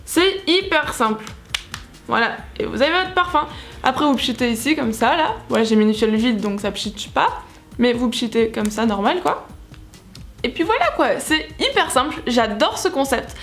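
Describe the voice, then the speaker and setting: A woman's voice: on the high side, animated, normal speed, fairly bright tone, faint music behind. A young woman vlogger chatting casually through a product demo, full of fillers and little spray and click sounds she makes herself. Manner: chatty, many fillers, sound effects like pchit and tac. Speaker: beauty vlogger.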